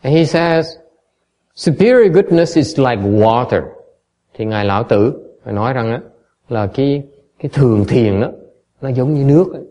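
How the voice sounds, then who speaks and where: Mellow-voiced male dharma teacher. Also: mid-range voice, brisk. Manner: explains in English, then repeats in Vietnamese, often stumbling over repeated words. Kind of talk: bilingual dharma lecture.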